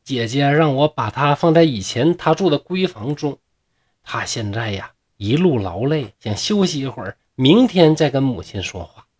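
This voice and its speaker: A man's voice: mid-range voice, animated, normal speed, darkish tone, close to an everyday voice. A man voicing an earnest little boy who reports events plainly. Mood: matter-of-fact.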